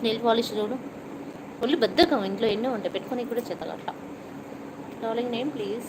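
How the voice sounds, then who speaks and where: A woman's voice: fairly high pitch, fast talker, noisy background. A middle-aged woman with a slight cough, hosting a casual live stream, chatting with and teasing viewers as she reads out their comments. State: has a cough.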